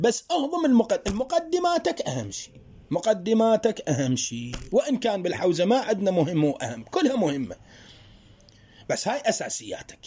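A man teaching a grammar lesson. He explains slowly through worked examples and asks his students rhetorical questions. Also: high-pitched, a little mellow, slightly rough. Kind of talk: spoken Arabic grammar lesson.

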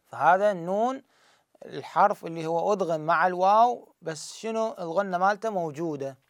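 A man with an Iraqi Arabic accent teaches tajweed in a calm, step-by-step way, stretching each recited example out slowly so the sounds can be heard. His voice is smooth and a little high for a man, and the recording is dry and close. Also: no room sound. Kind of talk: tajweed lesson.

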